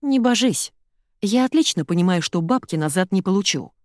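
A curt, mocking young nurse with a sharp tongue, as a woman reads her. Her voice jumps up and down lively, and it sounds close and dry. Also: medium pitch, normal speed, dry recording, lightly acted.

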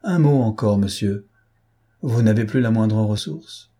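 A man's voice: lowish voice, measured pace, mellow. A man voicing a haughty, mocking rich prince in an audiobook, speaking coldly and with scorn. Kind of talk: audiobook character voice.

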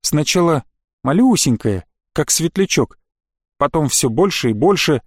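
A man reading an audiobook story in the first person, with a lively, wry delivery. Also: on the high side, unhurried, no room sound, studio quality. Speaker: audiobook narrator.

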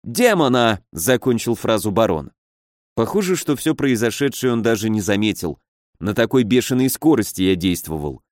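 A man reading a first-person fantasy story aloud with steady, measured storytelling. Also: fairly low pitch, no room sound, clean studio sound. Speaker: audiobook narrator.

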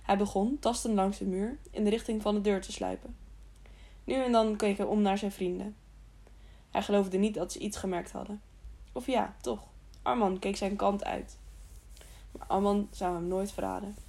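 A woman narrates an audiobook of a children's novel. Her reading is steady and plain, with occasional slips and restarts. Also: mid-range voice, normal speed.

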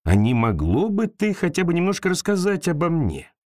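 A man voicing a naive, lonely swamp creature with big paws, talking slowly and with wonder. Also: huge pitch swings, a little mellow, dry recording, clean studio sound. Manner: slow, wondering, low-pitched.

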